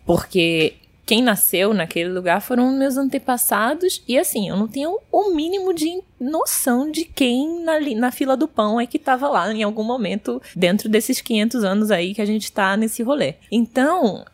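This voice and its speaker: A young adult Brazilian woman with a Brazilian Portuguese accent, a guest telling an animated story and acting out the voices of the people in it. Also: on the high side, moderate pace, hardly any pauses. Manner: expressive, acts out voices in her stories.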